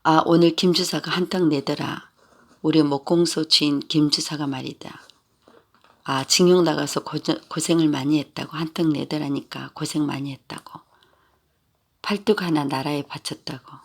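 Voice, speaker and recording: A man voicing a drunk, blustering, one-armed middle-aged father who scolds loudly in Gyeongsang dialect. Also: fairly high pitch, fairly even intonation, moderate pace, gravelly. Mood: boasting. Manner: loud scolding, slurred boasting.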